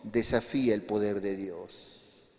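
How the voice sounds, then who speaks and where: A male pastor preaching a sermon, telling a testimony with emphatic swings between quiet and raised passages. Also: fairly low pitch, steady tone, slow. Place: church hall. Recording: long hall reverb.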